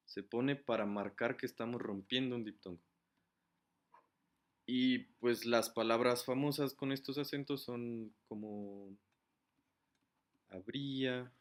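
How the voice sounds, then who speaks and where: A man's voice: mid-range voice, fairly bright tone. Man explaining grammar rules casually. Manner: casual, explains step by step, writes while talking. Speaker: teacher.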